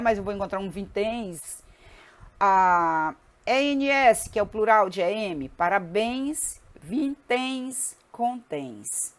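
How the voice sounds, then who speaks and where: A woman teaching a grammar lesson, spelling out letters slowly and often checking in with her students. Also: mid-range voice.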